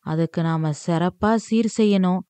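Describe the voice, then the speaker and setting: A woman's voice: fairly low pitch, a little slow, dark tone, smooth, no room sound, lightly acted. A woman voicing an older widowed mother who scolds her son in a wounded, reproachful way. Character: older widowed mother demanding lavish gifts.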